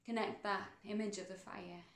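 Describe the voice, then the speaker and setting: Soothing and unhurried, a woman guides a meditation in a medium-pitched voice with noticeable vocal fry and fairly even intonation. She delivers measured phrases separated by pauses, and the room's echo clearly surrounds her words.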